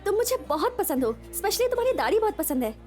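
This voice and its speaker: A woman's voice: very high-pitched, sing-song, quick pace, a little mellow, soft background music. A woman dubbing a playful, teasing young woman in a film. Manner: teasing, chatty. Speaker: film heroine. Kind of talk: Hindi film dub.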